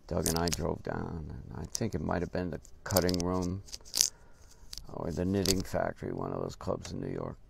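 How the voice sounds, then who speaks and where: An older man telling a casual story about his drumming days, halting and unhurried, with many pauses and restarts. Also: sits low, lively intonation. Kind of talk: casual spoken anecdote. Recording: noisy recording with clear background hiss.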